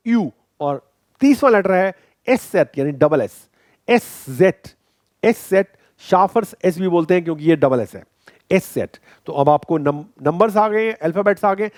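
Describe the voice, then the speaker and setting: Indian guy teaching german letters, high voice, dry close sound. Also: darkish tone, no echo. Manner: slow, clearly spelling each letter aloud. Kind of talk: language lesson, slow spelled-out drills.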